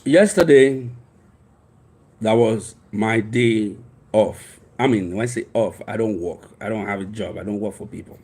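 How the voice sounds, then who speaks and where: With a Haitian accent, a man in his fifties from Haiti tells a personal story as a life coach, earnest but rambling and full of restarts. Haitian Creole is his first language. His voice is on the low side, darkish and breathy, at a slightly slow pace.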